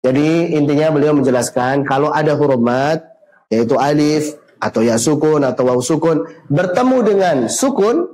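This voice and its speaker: A man teaching Quran recitation rules online, asking questions and answering them himself, with slow drawn-out recited examples. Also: fairly high pitch, darkish tone, poor audio.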